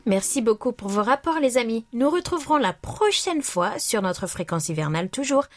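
A woman's voice: on the high side, sing-song, normal speed. A woman hosting a radio programme, presenting scripted reports from listeners. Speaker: radio host.

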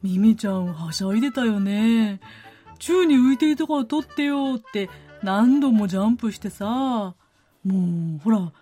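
A woman's voice: mid-range voice, animated, unhurried, mellow, faint music behind, lightly acted. A woman voicing a playful young boy in a radio comedy skit, talking in a teasing way. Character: playful young boy named Sora-kun.

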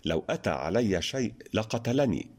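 A man reading the lines of a witty, calm old sheikh in a told joke, answering dryly and evenly. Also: lowish voice, moderate pace, breathy edge, heavily acted.

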